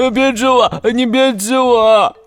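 A man's voice: very high-pitched, steady tone, slow, faint music behind. A man voicing a timid, greedy, childlike pig in a children's audio story, whiny, naive and exclamatory. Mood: terrified, wailing.

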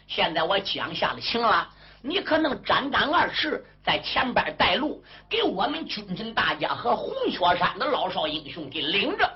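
A woman's voice: medium pitch, breathy edge. A woman storyteller voicing Gongye Chang, a clever young man who understands birds, speaking earnestly in plain folk speech. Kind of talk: traditional sung storytelling. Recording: dull lo-fi recording with loud drum and string accompaniment.

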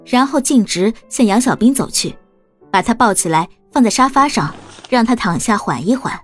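A woman narrating a storybook in a calm, even reading voice. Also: a little high, moderate pace, faint music behind. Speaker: audiobook narrator.

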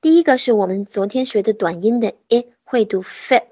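A woman teaching English pronunciation in an online lesson, patiently modelling sounds slowly and repeating them. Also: on the high side, a little mellow, no room sound, highs cut off.

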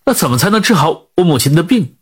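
A man's voice: a little high, big pitch swings, fast talker, slightly rough. A man voicing an earnest young fisherman, a devoted son who speaks bluntly.

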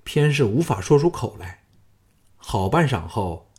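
A man narrating a martial fantasy novel as an audiobook, in steady storytelling. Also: mid-range voice, unhurried.

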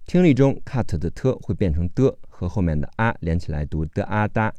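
A man leads an English phonics lesson, breaking each word into letters and sounds at an unhurried, careful pace. His voice is low and mellow, with lively rises and falls in pitch. It is recorded close and dry, with no room sound. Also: no room sound. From China. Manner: slow, deliberate spelling out of sounds and letters. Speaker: English teacher.

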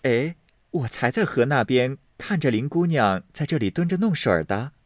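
Male reader as composed, artful young lady, raised pitch, dry booth. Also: sing-song, moderate pace, no room sound.

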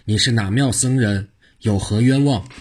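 Male storyteller as officious prefect judge, low, husky, stern. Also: moderate pace.

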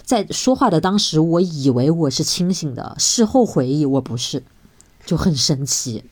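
A woman co-hosting a podcast in casual chat, telling stories with lively feeling. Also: low voice, moderate pace, husky. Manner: lively storyteller, retells scenes with feeling. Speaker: podcast co-host.

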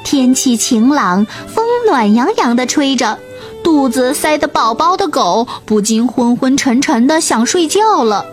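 Woman storyteller, high pitch, expressive children's narration over faint music. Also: a little slow. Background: soft music.

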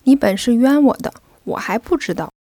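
A woman's voice: a little high, animated, a little fast, warm tone, dry recording. A woman voicing a carefree young rich man who teases his servant, in a storybook reading. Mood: teasing. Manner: playful, teasing. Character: young wealthy playboy man, teasing and carefree.

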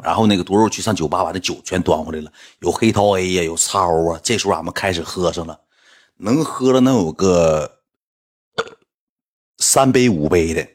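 Speaking at normal speed with a Northeastern Chinese accent, a storyteller rambles through an anecdote in a casual, animated way, breaking into mocking, high-pitched rants.

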